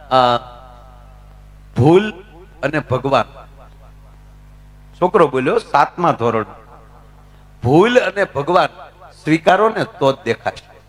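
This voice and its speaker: A middle-aged man with a Gujarati accent, a folk comedian telling chatty anecdotes live on stage and talking to the crowd. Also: a little high. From Gujarat, India.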